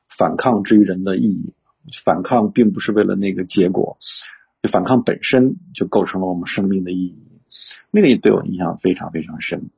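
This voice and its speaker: Husky, gravelly man musing about books. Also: sits low, warm tone. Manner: reflective, many fillers and restarts. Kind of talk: casual conversational discussion about books. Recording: dull lo-fi sound.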